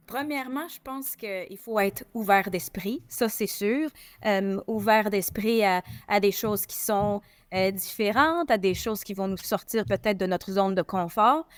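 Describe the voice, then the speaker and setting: Québécoise posée et hésitante, prise de son sèche. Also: female voice, mid-range voice, a little slow, dry recording. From Quebec. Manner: thoughtful, hesitant, repeats words. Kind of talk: casual podcast conversation.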